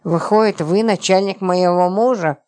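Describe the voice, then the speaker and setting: A woman's voice: normal speed, dark tone, lightly acted. A woman voicing an indignant, naive young wife. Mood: shocked. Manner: indignant, shrill exclamations.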